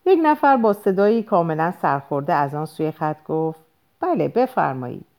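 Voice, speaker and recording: Lively-voiced woman reading an audiobook. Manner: expressive reading, voices dialogue with lifts in pitch. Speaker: audiobook reader. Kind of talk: audiobook narration.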